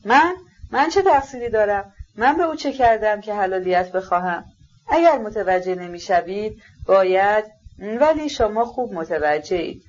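A woman reading the lines of a blunt, indignant older noblewoman, sharp in tone. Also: mid-range voice, lo-fi sound, close to an everyday voice.

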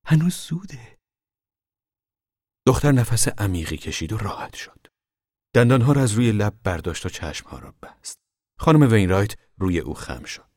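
A man reading a novel aloud as scripted narration, measured, dropping low and soft in descriptive passages. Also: sing-song, dry recording, studio quality. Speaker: audiobook narrator.

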